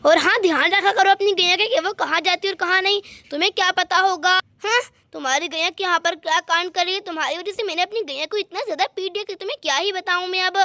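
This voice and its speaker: A woman voicing a quick-tempered village woman who shouts and scolds in a doll story. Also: extremely high pitch, no room sound, clean studio sound, heavily acted. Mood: scolding.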